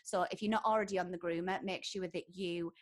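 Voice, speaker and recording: A woman's voice: fairly low pitch, steady tone, a little fast. A woman chatting casually as a podcast host, in a breezy, jokey way.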